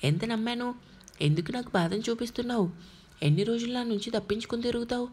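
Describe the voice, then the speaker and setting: A woman's voice: fairly high pitch, fast talker, darkish tone, natural voice. A woman voicing a heartbroken young wife, fierce and tearful, pleading emotionally in a dramatized audiobook reading. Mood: anguished.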